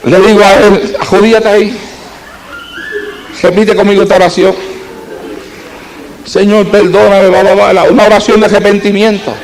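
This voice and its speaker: A male pastor with a notably high voice preaches a sermon in storytelling fashion. He moves between hushed, close passages and fervent, raised exhortations. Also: little pitch movement, normal speed, long pauses, a little hiss or hum, poor audio.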